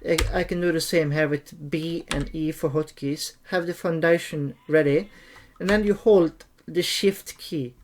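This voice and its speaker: A streamer giving an unscripted, hesitant gameplay tutorial, often pausing and repeating phrases. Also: medium pitch, steady tone, darkish tone, a little hiss or hum. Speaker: streamer and game tutorial host.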